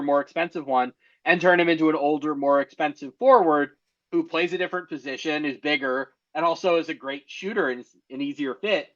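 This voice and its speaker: A man's voice: a little high, a bit bright. A man giving casual, opinionated basketball analysis as a podcast co-host, explaining his points with emphasis. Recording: dull, muffled lo-fi audio.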